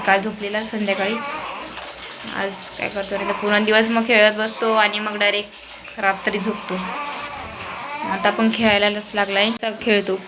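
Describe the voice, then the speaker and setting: In a family home vlog shot indoors, a young mother from Maharashtra chats casually to viewers and often coos to her baby. Her voice is mid-range, and the background is noisy.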